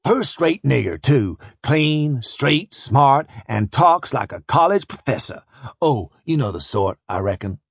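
Man doing a loud brash overseer. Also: mid-range voice, sing-song, unhurried, no echo, clean studio sound, exaggerated voice. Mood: boastful. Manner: brash, hollering, rough dialect.

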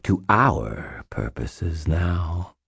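A cold, imperious faerie queen, put on by a male reader purrs and hisses her words in a husky, unhurried way. Her lines sit higher than the reader's deep voice. The recording is close and dry. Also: very animated, fairly bright tone, no echo, exaggerated voice. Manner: hissing, purring, regal and possessive. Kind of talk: audiobook narration.

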